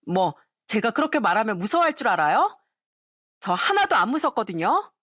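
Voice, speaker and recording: A snooty younger sister-in-law in an audio story, mocking and condescending, as a woman storyteller puts her on. Her pitch swings widely, heard in a dry, close recording. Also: very animated, moderate pace, a bit bright, no echo. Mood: defiant.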